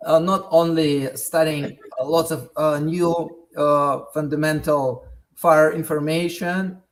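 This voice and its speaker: A Russian man in his thirties, a native speaker with a Russian accent, answers an interview's questions haltingly, full of fillers and restarts. His voice is on the high side with fairly even intonation, and the audio quality is poor.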